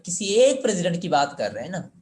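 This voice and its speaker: A man's voice: high voice, big pitch swings, fast, a little mellow, a little hiss or hum. Man teaching an English grammar lesson. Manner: explains step by step, asks students for answers, repeats words.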